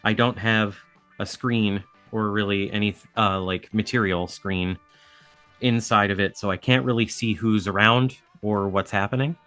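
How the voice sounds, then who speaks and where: A man's voice: on the low side, steady tone, a little slow, pushed and bright, no echo, soft background music. A man speaking as a podcast guest, explaining things in an easygoing, casual way. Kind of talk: casual chat.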